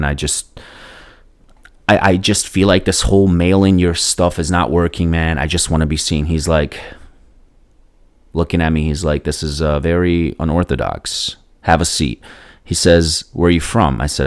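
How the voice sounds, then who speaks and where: A young man, born in Bosnia, hosting a podcast and telling a personal story in a casual, animated way, swearing freely and talking straight to his listeners. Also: low voice, a little fast, no room sound, studio quality. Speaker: podcast host.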